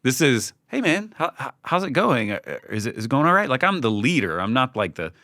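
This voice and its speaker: This man, a team leader being interviewed on a podcast, is casual and candid, regularly acting out snippets of dialogue. His medium-pitched voice is sing-song, brisk, and sharp-toned, captured in a dry, clean studio recording.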